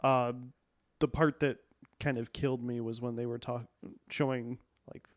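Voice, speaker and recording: A man's voice: mid-range voice, flat delivery, moderate pace. Guy cohosting a podcast, chill and chatty, kinda amused, medium voice. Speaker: podcast co-host. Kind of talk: casual chat.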